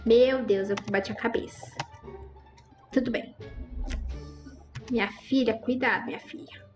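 A woman's voice: fairly high pitch, fairly even intonation, a little slow, dull audio, faint music behind. Chatty woman narrating her gameplay. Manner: chatty, exclaiming, talks to her viewers as "raposas". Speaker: gaming YouTuber. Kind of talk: live Roblox gameplay commentary.

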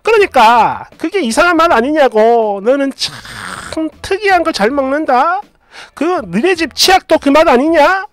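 A woman's voice: high voice, big pitch swings, a little slow, no echo, pitched above the performer's own voice. A woman putting on a nagging old mother-in-law. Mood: mocking. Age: older. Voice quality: scolding, grumbling. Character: nagging, sharp-tongued older mother-in-law.

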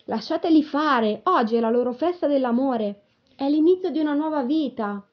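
A wise old storybook cherry tree, as a woman puts him on, calm and reassuring in a slightly raised voice. The recording is dull and lo-fi. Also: high-pitched, moderate pace, voice pushed up. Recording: dull lo-fi radio broadcast.

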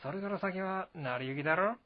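A man voicing a boisterous, blunt male warrior general, talking loud and gruff. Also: sits high, fairly quick, muffled recording, pitched above the performer's own voice, natural voice.

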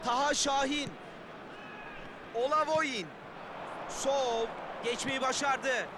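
A man's voice: very high voice, normal speed. A man doing play-by-play football match commentary. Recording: loud stadium-like background noise.

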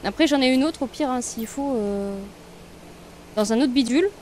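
A woman's voice: high-pitched, normal speed, a little mellow, slight background noise. A woman casually commenting on her gameplay, thinking aloud and chatting to viewers and the game. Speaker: let's play streamer.

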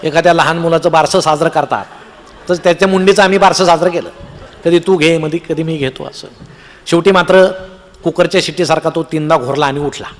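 A man with a Marathi accent spins a comic tale on stage, his voice sitting a little high for a man and ringing with long hall reverb. He jumps into the voices of each person in the story with lively timing. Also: fairly quick, a little hiss or hum. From Maharashtra, India. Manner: animated, acts out voices of the characters in the tale. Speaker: humorous storyteller.

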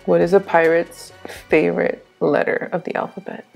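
A woman's voice: lowish voice, flat delivery, normal speed, creaky, a little mellow, soft background music, poor audio. A woman in her thirties or forties telling dad jokes in a casual chat, setup first and then the punchline. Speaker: anesthesiologist. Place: small indoor room, seated at table.

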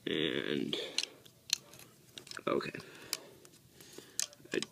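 A man giving a casual toy review, talking haltingly with many ums and restarts while he handles pieces. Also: extremely low pitch, vocal fry, background noise.

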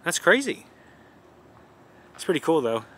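A man's voice: fairly high pitch, very animated, measured pace, fairly bright tone, slight background noise. A man casually narrating a travel vlog outdoors, enthusiastic and easygoing as he tours a riverside walk. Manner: easygoing, enthusiastic tour commentary. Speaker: vlogger.

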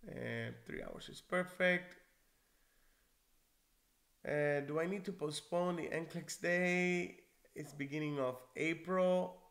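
Seated in a leather chair in a small, echoey office, a Cuban NCLEX instructor in his forties works through viewer comments in a live-stream Q&A. His bright, upper-middle voice runs a little high and slow, with long pauses, and he sounds friendly and encouraging, talking conversationally and restarting at times.

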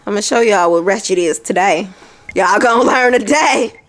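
A woman's voice: medium pitch, moderate pace. A woman in her thirties hosting a family vlog at home, chatting casually and laughing as she tells stories. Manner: laughing, animated storytelling. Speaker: vlog host, mother. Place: living room at home. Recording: echoey room with some noise.

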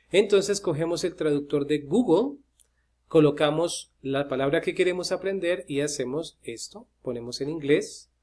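A man's voice: fairly high pitch, darkish tone. A man giving a casual screen-share pronunciation lesson, chatty, with many "eh" fillers as he talks to his viewers. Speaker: English pronunciation teacher.

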